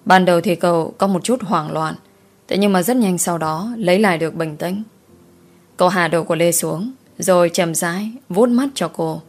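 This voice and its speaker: A woman giving steady, measured scripted narration of a ghost story. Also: fairly low pitch.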